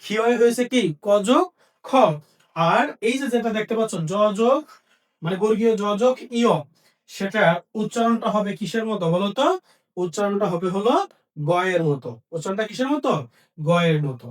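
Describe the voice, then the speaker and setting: High-voiced male teacher quizzing students. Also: lively intonation, recorded from a distance. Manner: asks questions and answers them himself; repeats key points slowly for emphasis. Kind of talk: Bengali grammar lesson.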